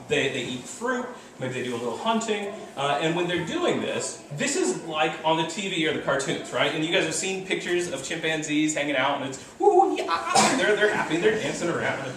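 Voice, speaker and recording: Animated male lecturer in an echoey hall. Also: a little high. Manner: animated, mimics animal calls, keeps asking "right?". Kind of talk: classroom lecture. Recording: echoey hall, mic far off, faint noise.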